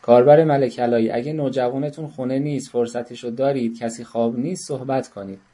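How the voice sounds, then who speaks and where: A man's voice: mid-range voice, fairly even intonation, dark tone, slightly rough. A man teaching an online parenting workshop, coaxing and joking with participants as he calls on them by name. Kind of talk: online class lecture.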